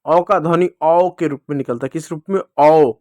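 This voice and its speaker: A male teacher giving a children's reading lesson, addressing the kids directly and drawing out each letter sound slowly, asking and answering his own questions. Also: a little high, a little mellow, no room sound, studio quality. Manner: slow, drawn-out sounding of letters.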